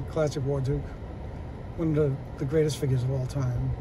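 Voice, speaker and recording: A man in his forties sits in his parked car reviewing a toy for the camera, talking casually with plenty of fillers. His voice is medium-pitched at a moderate pace, picked up by a phone camera held at arm's length with background noise.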